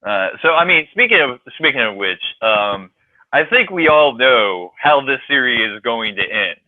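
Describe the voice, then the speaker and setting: A man's voice: mid-range voice, sing-song, normal speed, dry recording. A laid-back man chatting with a co-host on a podcast, cursing casually and hesitating with ums. His voice comes through a tinny, phone-like line with a dry, close sound. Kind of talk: casual chat.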